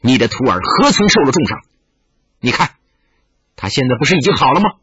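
A man with a husky voice voicing a fierce, proud young swordswoman who speaks commandingly and with scorn, in an audiobook reading on a dull lo-fi recording. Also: mid-range voice, sing-song, brisk, fairly bright tone, dry recording, full character voice. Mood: mocking.

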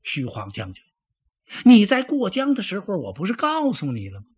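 A man voicing an indignant male general who defends himself in a husky, shrill voice. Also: wildly swooping pitch, a little fast, fairly bright tone, heavily acted. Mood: protesting. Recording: dull lo-fi recording.

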